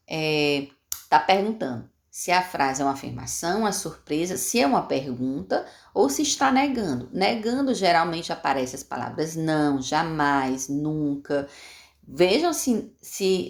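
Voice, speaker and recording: A patient woman teacher explains schoolwork step by step to young children. Her voice sits low and has a gravelly edge. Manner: patient, repeats steps, asks and answers questions. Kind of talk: explaining homework to young pupils.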